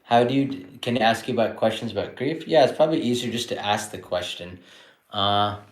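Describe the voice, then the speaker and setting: Relaxed, low-voiced man in an echoey room. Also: brisk. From born in India, grew up in Canada. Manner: relaxed and chatty, with frequent restarts. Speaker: psychiatrist hosting a live Q&A. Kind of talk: casual live-stream chat answering viewer questions.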